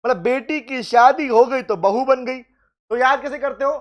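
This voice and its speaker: A man teaching law in a live online class. He mixes English legal phrases into his talk and urges students by name to reply quickly. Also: extremely high pitch. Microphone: video call.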